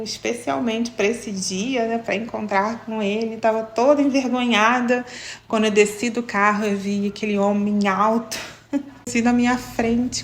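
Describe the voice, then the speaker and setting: A woman from Brazil recounts a personal story in a lively, heartfelt vlog style, with a voice that sits a little higher than most. She speaks straight to her viewers as if chatting with friends. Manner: animated, emotional, addresses viewers as "gente". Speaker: vlogger telling her love story.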